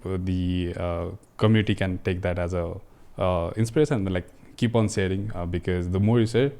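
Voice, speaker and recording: Young male podcast host; very deep voice, quick pace; friendly, hesitant, leans on fillers. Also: mellow. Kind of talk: casual interview hosting.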